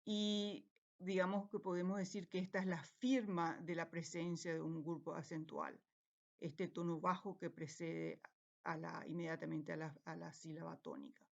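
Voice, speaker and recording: A woman giving an academic lecture over her slides, pausing often on fillers and correcting herself, and checking in with her listeners. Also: lowish voice, level tone, gravelly, a little mellow, highs cut off. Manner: hesitant, frequent "eh" and "em" fillers and self-corrections; checks in with listeners using tag questions. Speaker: conference lecturer.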